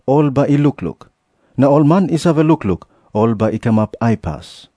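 A man with a Papua New Guinean accent acting a calm, authoritative holy teacher in a scripture drama. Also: medium pitch, normal speed, no room sound, muffled recording, natural voice. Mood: solemn.

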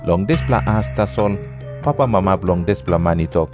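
A man's voice: low voice, animated, a little fast. A man with a Papua New Guinean accent narrating scripture from a script. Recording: prominent music behind the voice.

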